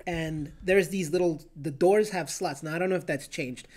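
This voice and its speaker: A man, hosting a podcast and telling a story in a casual, animated way, swearing freely and tagging lines with "right?". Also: fairly high pitch, normal speed. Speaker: podcast host.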